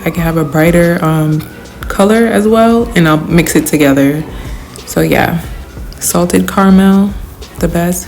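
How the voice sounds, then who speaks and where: A woman's voice: on the low side, a little mellow. A young woman giving a casual, chatty makeup tutorial voice-over in informal, slangy, emphatic language. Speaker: beauty vlogger.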